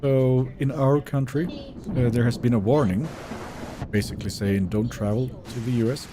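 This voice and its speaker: A man from Sweden whose first language is Finnish streams a game live, chatting casually and reading out viewer messages. His voice is mid-range at normal speed, with a noisy background.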